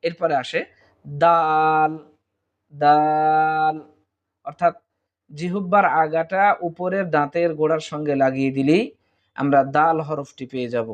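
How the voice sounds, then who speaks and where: A man's voice: a little high, steady tone, normal speed, muffled recording. A man with a Bangladeshi Bengali accent teaching Arabic letter pronunciation, drawing out each letter and repeating it for listeners to copy. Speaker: Quran teacher.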